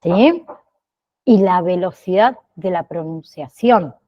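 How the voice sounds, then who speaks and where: Woman teacher, slow and steady, keeps asking "¿sí?", bit muffled sound. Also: lowish voice. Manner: slow, checks in with frequent "¿sí?" and "¿bien?". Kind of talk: online class lecture.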